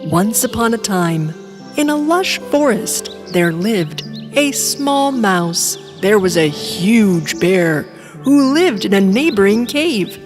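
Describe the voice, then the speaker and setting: A woman narrating a children's storybook in an expressive, sing-song manner. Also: mid-range voice, slow, over music.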